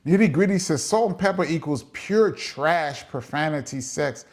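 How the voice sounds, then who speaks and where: A man's voice: fairly high pitch, expressive, normal speed. A middle-aged man with a New York accent, hosting a casual live chat and reading out viewer comments, chatty, with frequent "um" fillers and laughs.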